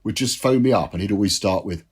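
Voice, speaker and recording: A man's voice: lowish voice, fast, breathy edge. A man, a drinks writer, telling self-deprecating anecdotes as a guest in an interview. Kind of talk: interview storytelling.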